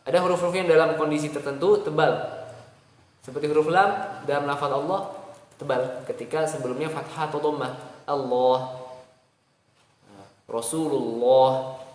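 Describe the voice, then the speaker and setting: A man's voice: on the high side, fairly even intonation, fairly quick. A man teaching Quran recitation, patiently saying syllables aloud and explaining how each sound is made. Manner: patient, repeats syllables aloud for students to copy. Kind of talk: teaching pronunciation, demonstrating sounds. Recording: echoey room with faint noise.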